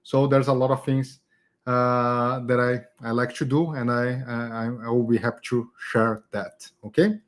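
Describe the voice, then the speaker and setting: A man's voice: medium pitch, steady tone, a little slow. Chatty Brazilian-raised man hosting workshop. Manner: chatty, many fillers and "okay?" tags. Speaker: community event host teaching design. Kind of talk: casual live online workshop.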